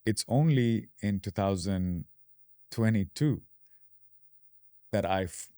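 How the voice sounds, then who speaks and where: Low, mellow-voiced man explaining. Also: takes it slowly, no echo, studio quality. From Dubai. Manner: relaxed, explanatory, fillers and restarts. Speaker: guest. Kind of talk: casual interview.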